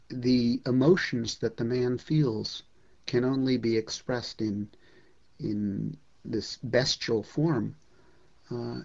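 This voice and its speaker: A man giving a literature lecture in a measured, reflective way, with occasional hesitations. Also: mid-range voice, a little mellow, lo-fi sound.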